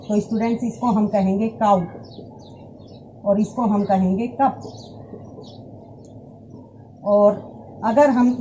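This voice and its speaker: A woman teacher explains English pronunciation at an unhurried pace. Her voice sits a little high but sounds mellow and soft-edged. The lo-fi recording is muffled, with faint hiss and birdsong behind her. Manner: patient, repeats words and addresses students directly. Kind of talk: classroom lesson explaining pronunciation.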